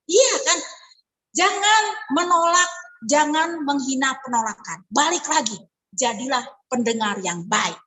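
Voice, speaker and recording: A woman giving an online sales ethics lesson, lively and coaching. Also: sits high, a little slow, low-quality recording. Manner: lively, coaching, acts out sample dialogues. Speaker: sales trainer.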